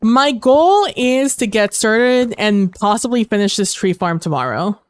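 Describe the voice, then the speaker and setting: Losing her voice, a woman streamer chats casually over a headset mic during a gaming stream, rambling and using many fillers. Her smooth, resonant voice is fairly high, animated and unhurried, recorded dry and close without echo.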